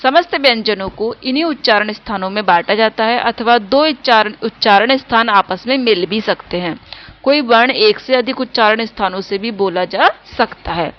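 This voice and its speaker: A woman teacher giving a grammar lesson, slowly spelling out sounds one by one. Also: on the high side, dull audio.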